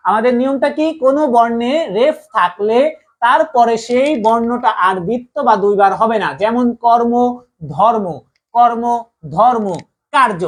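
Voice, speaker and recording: A woman's voice: on the high side, normal speed. Woman teacher drilling call-and-answer. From Bangladesh. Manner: drills students with repeated call-and-answer questions. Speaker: online Bangla grammar teacher. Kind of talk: live online class lesson.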